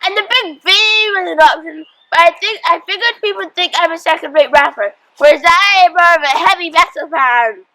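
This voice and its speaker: A woman's voice: extremely high pitch, a little fast, few pauses, sharp tone, no room sound, exaggerated voice. A woman playing a cackling virus supervillain. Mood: gloating. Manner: cackling, boastful, melodramatic. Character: gloating female virus supervillain, theatrical. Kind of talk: school stage play. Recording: distant mic with music behind.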